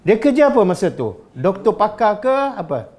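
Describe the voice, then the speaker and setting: A man with a Malaysian Malay accent preaching a religious lecture, firing rhetorical questions at his listeners in an animated way. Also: sits high, normal speed.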